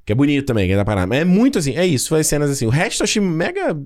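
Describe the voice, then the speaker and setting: A man chatting casually about films, animated and loose, swearing freely and restarting his sentences. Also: fairly high pitch, racing. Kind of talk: casual film discussion.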